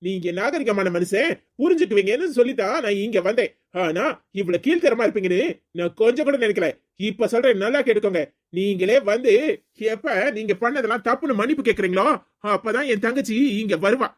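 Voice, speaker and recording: A principled young brother-in-law in a cartoon story, as a performer voices him. His voice is mid-pitched, and he lectures firmly and indignantly about respect and decency. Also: lively intonation, fairly quick, close to an everyday voice. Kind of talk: cartoon voice acting.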